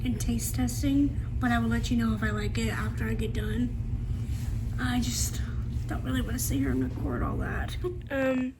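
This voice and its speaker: A woman's voice: fairly high pitch, lively intonation, moderate pace. A young woman chatting casually and emphatically to her vlog audience in youthful slang, her speech slightly muffled by a retainer in her mouth. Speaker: vlogger. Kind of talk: casual chat to camera. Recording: noisy amateur vlog audio.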